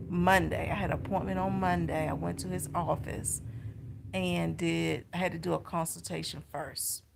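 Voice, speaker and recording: Middle-aged woman vlogger, lowish gravelly voice, heartfelt and emotional retelling. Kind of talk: personal health vlog story.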